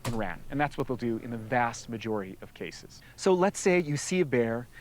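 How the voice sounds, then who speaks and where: Relaxed man explaining bear safety. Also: medium pitch, a little fast, slight background noise. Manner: relaxed, explanatory, acts out little quoted lines. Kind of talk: informative explanation.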